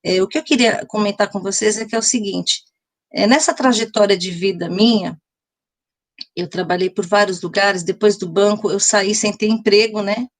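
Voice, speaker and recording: A woman's voice: mid-range voice, fairly even intonation, normal speed. Chatty middle-aged woman telling a story. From Brazil. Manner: chatty, rambling, restarts often and addresses viewers directly. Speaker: live stream host. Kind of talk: casual storytelling on a live stream.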